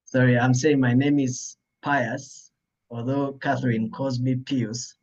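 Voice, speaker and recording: Slow, halting East African man, dull audio. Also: medium pitch, flat delivery, darkish tone. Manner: halting, hesitant delivery with frequent long pauses. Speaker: panel speaker, lawyer. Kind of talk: unscripted panel discussion. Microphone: video call. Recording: dull lo-fi online call audio.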